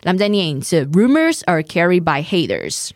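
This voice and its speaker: A woman's voice: fairly low pitch, sing-song, moderate pace, dry recording, studio quality. A woman teaching English vocabulary, patiently drilling words and having the learner repeat them. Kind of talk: bilingual language lesson.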